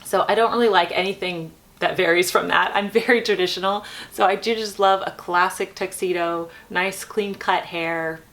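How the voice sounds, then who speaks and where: A woman with a slightly low voice hosts a casual, chatty vlog. She talks freely and informally while keeping quiet, as one does at night with a baby asleep in the next room. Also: steady tone, moderate pace, hardly any pauses. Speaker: host of a chat vlog.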